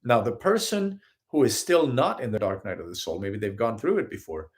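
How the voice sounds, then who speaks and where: Fairly quick and on the low side, this man from Sweden speaks with a Swedish accent during a live-streamed spiritual talk he hosts as a healer. He's earnest and animated, slipping into little acted-out scenes in quotes.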